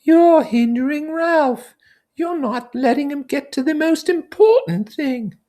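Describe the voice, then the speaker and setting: A man voicing a fretful, clever boy in a squeaky, insistent falsetto for a storybook reading. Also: animated, a little slow, mellow. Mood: indignant.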